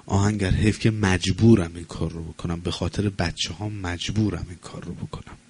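A man's voice: low-pitched, fairly even intonation, a little mellow, slightly rough, pitched below the performer's own voice. A man voicing a desperate, pious widowed mother who pleads and cries out. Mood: pleading. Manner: pleading, then crying out.

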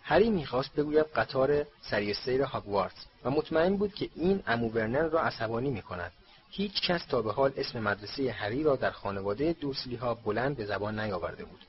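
Guy narrating a storybook, steady measured read, mid-pitched voice, kinda dull recording with a faint hiss. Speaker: audiobook narrator. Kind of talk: storybook reading.

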